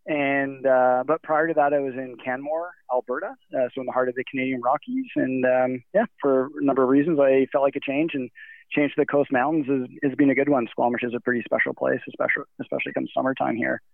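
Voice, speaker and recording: Speaking quickly at medium pitch with vocal fry, this Nigerian guest rambles casually through a remote interview, restarting often and using many fillers. The call line sounds tinny and phone-like, without echo.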